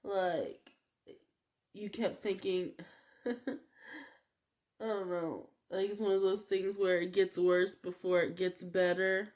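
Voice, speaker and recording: A woman reads tarot cards in a relaxed, unscripted way, stopping and restarting with little fillers. Her voice sits a bit low and stays flat, moving at an unhurried pace. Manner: halting, full of "like" and "um" fillers. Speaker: tarot reader. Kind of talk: casual tarot card reading.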